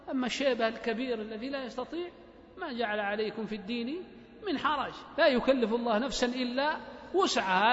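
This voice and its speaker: A man with a very high-pitched, slightly bright voice and a Libyan Arabic accent delivers a religious lecture in a mosque. He speaks rhetorically, repeating phrases and prodding his listeners with short questions. The lo-fi recording sounds a little dull, with an echoey hall.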